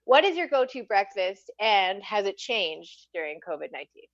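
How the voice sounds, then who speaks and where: A woman co-hosting a chat show, firing off quick playful questions and giggling often. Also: mid-range voice, big pitch swings, dry recording, lo-fi sound. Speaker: co-host. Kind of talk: casual interview.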